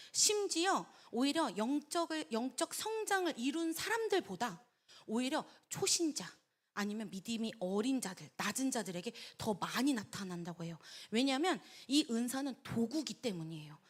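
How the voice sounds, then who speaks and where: A middle-aged woman, a pastor's wife, teaching a church Bible study with chatty, animated storytelling and acted-out voices. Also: a little high. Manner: chatty, laughs between points. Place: church hall.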